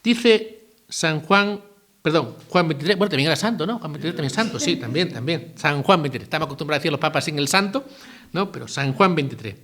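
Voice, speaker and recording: A man, giving a relaxed retreat talk as a priest, asking his listeners questions and adding asides. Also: a little high, brisk. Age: 50s. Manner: conversational, asks listeners rhetorical questions, adds asides and jokes.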